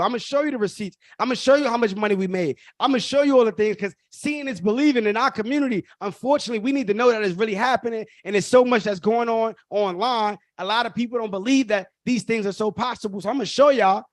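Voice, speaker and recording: A high-voiced man, hosting a live online workshop. He drives his points home through emphatic repetition and keeps calling the audience y'all. The sound is dry and close, with no room around it. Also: no echo. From Brooklyn. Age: 30s. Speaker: workshop host.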